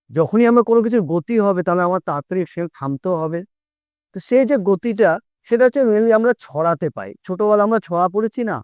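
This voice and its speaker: A man with a fairly high, smooth voice teaches a lesson, explaining patiently and going back over each point. He breaks into short children's rhymes to show how they move. The sound is dry and close, with no room echo.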